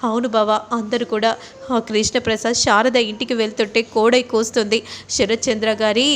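A woman's voice: fairly high pitch, flat delivery, a little fast, lightly acted. A woman voicing a scheming young villainess who speaks insistently, in a serial recap.

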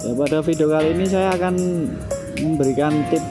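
A man's voice: fairly high pitch, brisk, over music. Young man talking while riding a motorbike. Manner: hesitant, repeats himself, says "bro" a lot. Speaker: motovlogger. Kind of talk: casual motovlog talk while riding. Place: outdoors on a motorbike in city traffic.

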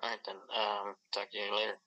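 A calm, low-pitched man, put on by a woman, looks after a friend in a Minecraft role-play. He talks softly and hesitantly and sounds reassuring. His voice is husky yet sharp-edged, with a faint breathiness. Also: fairly quick, dull audio, exaggerated voice.

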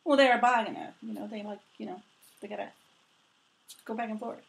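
A woman's voice: medium pitch, brisk, vocal fry. A woman hosting a casual interview, chatty and cutting in with her own takes. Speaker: host.

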